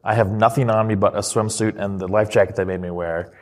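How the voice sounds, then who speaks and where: Male host, lowish voice, casual quick chat, long hall reverb. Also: steady tone. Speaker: podcast host.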